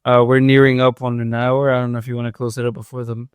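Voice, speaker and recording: Flat, smooth-voiced young male co-host. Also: mid-range voice, fast talker, no room sound, studio quality. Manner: hesitant, with many fillers and restarts. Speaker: podcast co-host. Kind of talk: casual chat.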